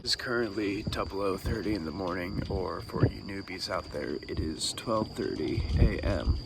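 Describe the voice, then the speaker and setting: A tired young man vlogging from his small sailboat by an island at night, talking slowly and rambling, with fillers and the odd swear. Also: deep voice, gravelly. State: sleep-deprived. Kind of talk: casual vlog narration. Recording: noisy outdoor phone recording. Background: water, boat sounds and crickets.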